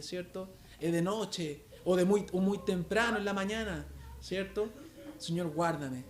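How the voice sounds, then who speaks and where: High-voiced Chilean preacher in an echoey church. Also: male voice, darkish tone. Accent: Chilean Spanish. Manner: earnest, conversational, frequent "¿cierto?" tag questions. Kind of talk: sermon. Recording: echoey church room, faint hiss.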